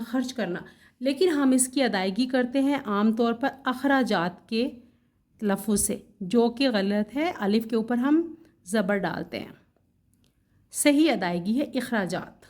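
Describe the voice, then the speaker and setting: A woman with a slightly higher voice gives a vlog lesson on correct pronunciation. She spells out words letter by letter in a careful, measured way. Now and then she corrects herself with a casual aside. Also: a little mellow. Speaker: Urdu language teacher.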